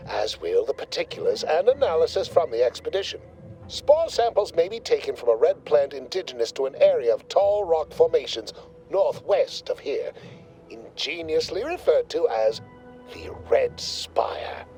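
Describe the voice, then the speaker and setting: Smug game-world corporate scientist, kinda high voice, super bouncy and condescending, piles on the jargon. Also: male voice, warm tone, low-quality recording. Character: pompous male corporate lab visionary. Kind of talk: video game dialogue.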